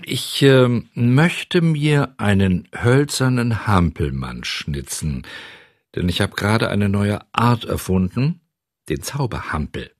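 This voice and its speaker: A man's voice: fairly low pitch, very animated, slow, no room sound, clean studio sound, exaggerated voice. A man voicing a cheerful but hot-tempered old woodcarver in a storybook reading, eager and pleading.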